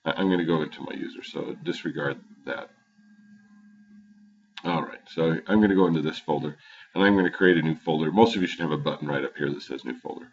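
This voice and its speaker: Recorded through his computer's dull, lo-fi built-in microphone, a male teacher at home talks through a screen-recorded computer tutorial. He hesitates often, using fillers and starting sentences over.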